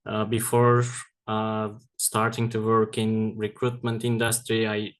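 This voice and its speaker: A man from Turkey, a recruiter co-hosting a webinar, introducing himself with frequent fillers. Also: fairly low pitch. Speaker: co-host, recruiter.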